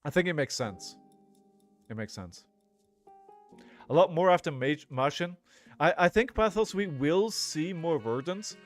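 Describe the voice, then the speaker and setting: A man in his forties with a somewhat high, expressive voice gives casual, rambling live commentary on a card game, thinking aloud and chatting with viewers. He speaks at a measured pace, pausing often and frequently asking "right?", with faint music behind him.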